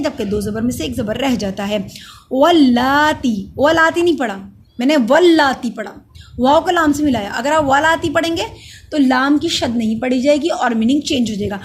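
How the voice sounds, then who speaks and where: A woman teaching Quran recitation rules step by step. She chants the verse words slowly and loudly, then explains each rule in a plainer, lower voice, and sometimes stops to correct herself. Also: animated. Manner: self-correcting, says sorry. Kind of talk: step-by-step tajweed lesson.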